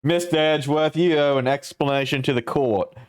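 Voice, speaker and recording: A man's voice: on the high side, clear, resonant tone, close to an everyday voice. A man voicing a young male defense lawyer who frets aloud, reading a game script on a live stream. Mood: anxious. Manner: fretful inner monologue, quick and wondering.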